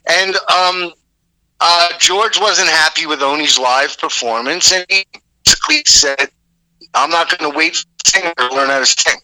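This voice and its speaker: Male guest heard over the phone, very bright, dry sound, loose and rambling. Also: a little high, normal speed, no room sound. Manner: rambling, many fillers and restarts. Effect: heard over a phone line. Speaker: musician guest. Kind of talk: phone interview.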